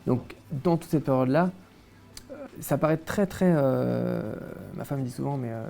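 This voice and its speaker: A man's voice: medium pitch, normal speed, gravelly, dark tone. A young man from France, a guest in a casual interview, recounting his childhood with many hesitations and restarts.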